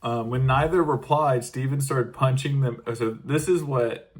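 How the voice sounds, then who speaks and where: A man's voice: medium pitch, unhurried. A man co-hosting a casual comedy podcast, reading news clippings aloud with dry, wry asides. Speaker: podcast co-host.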